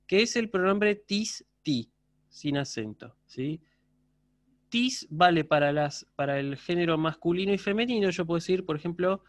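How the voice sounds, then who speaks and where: Male university lecturer, higher-pitched, patient explainer on a video call, dry sound. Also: no echo. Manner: patient, explanatory, checks understanding with frequent questions. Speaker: university teacher. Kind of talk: online class lecture.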